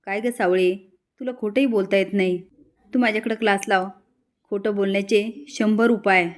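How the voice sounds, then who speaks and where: A woman's voice: medium pitch, fairly even intonation, close to an everyday voice. A woman voicing a chatty, scheming young sister-in-law who teases and gossips. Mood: teasing. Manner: teasing, gossipy, quick asides.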